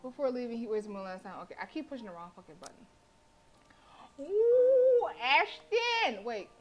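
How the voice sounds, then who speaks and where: A high-voiced woman streams a visual novel, reading the story aloud at a normal pace and reacting with brash, animated, profane commentary full of slangy trash talk. The audio has its highs cut off.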